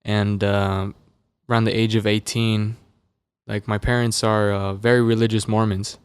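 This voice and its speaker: Young guy from vegas on a podcast, lowish flat voice, super dry studio mic, chill and rambly. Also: normal speed, clean tone, dry recording. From Las Vegas, USA. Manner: relaxed, loose, filler-heavy storytelling. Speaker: musician guest. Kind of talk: casual interview chat. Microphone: dynamic studio mic.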